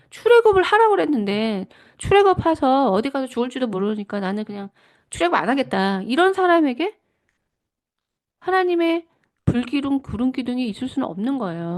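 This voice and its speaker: A middle-aged woman giving a devotional teaching talk, earnest and reflective, sharing personal testimony and often correcting herself mid-phrase. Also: high voice. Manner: reflective, with frequent self-corrections.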